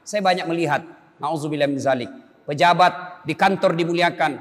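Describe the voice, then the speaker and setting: A man's voice: fairly high pitch, normal speed. A man with a Makassar accent preaching a sermon, telling stories with acted-out dialogue. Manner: animated storytelling, acting out dialogue. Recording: long hall reverb.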